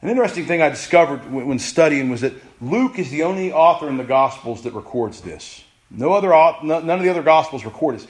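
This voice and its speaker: A man preaching a sermon, emphatic and repeating phrases, at times rushing and at times slowing right down. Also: on the high side, lively intonation. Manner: emphatic, repeats phrases, pace swings from rushed to slow. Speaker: pastor.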